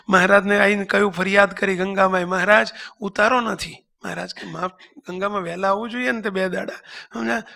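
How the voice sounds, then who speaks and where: A man preaching a devotional sermon, telling a story with voiced characters and slowly sung verses. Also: sits high, gravelly, pushed and bright. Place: temple congregation.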